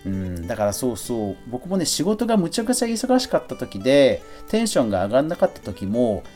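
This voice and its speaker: Speaking alone on his podcast, a middle-aged male host responds to a listener's letter in a relaxed, chatty way, poking a little fun at himself. His mid-range voice swoops wildly in pitch, moves a little fast, and has a warm tone, with soft music in the background.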